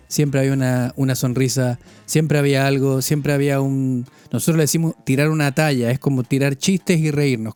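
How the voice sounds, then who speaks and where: A man's voice: medium pitch, darkish tone, no echo. A man from northern Chile with a Chilean accent, hosting a podcast in casual conversation, chatty with many restarts. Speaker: podcast host. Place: living in France.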